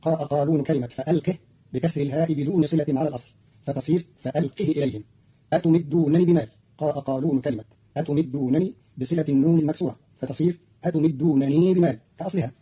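A man, a radio presenter, giving a formal scripted explanation of recitation variants in a measured announcer manner, on an archival radio recording. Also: a little high, husky, muffled recording.

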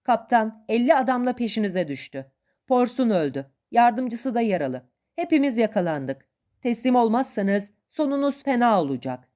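A woman's voice: a little high, big pitch swings, normal speed, warm tone, voice pushed up. A woman doing a frantic captured sailor man. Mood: pleading, urgent. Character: panicked captive sailor shouting to shipmates, man.

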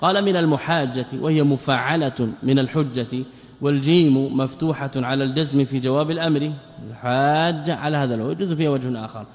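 A man's voice: mid-range voice, fast. Man teaching in an echoing hall. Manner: explains by asking and answering his own questions. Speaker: sheikh teaching a text. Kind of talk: classroom lesson on creed and grammar. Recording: long hall reverb.

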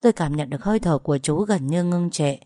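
A woman's voice: sits low, fast talker, dark tone, dry recording, studio quality. Woman narrating a dramatic story. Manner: emotional, tense storytelling.

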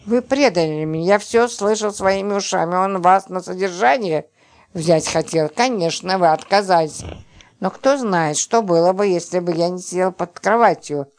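A jealous, sharp-tongued man with a quick temper, as a woman narrator voices him in an audiobook. The voice sits low and even, the lines come out biting and sarcastic. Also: natural voice. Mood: prickly.

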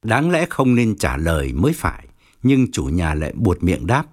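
A man narrating an audiobook story, expressive and wry. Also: low voice, moderate pace.

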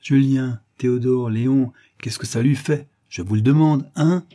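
A man reading an audiobook voices a bull-built, boastful gambler who blusters with loud indignation. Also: mid-range voice, expressive, moderate pace, husky. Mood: blustering.

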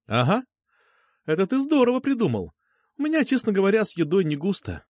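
A man's voice: sits high, fairly quick, dry recording, studio quality, voice pushed up, heavily acted. A man reading an audiobook, voicing a playful, teasing young woman in a raised, light voice. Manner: teasing, lively. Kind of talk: audiobook character voice.

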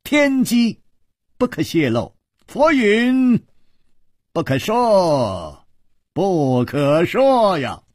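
A man's voice: deep voice, lively intonation, takes it slowly, pauses often, husky, no room sound, studio quality, voice pushed down, full character voice. A man storyteller voicing a witty, carefree swordsman hero who speaks playfully in riddles. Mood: teasing, riddling. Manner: playful, riddling, laughs often.

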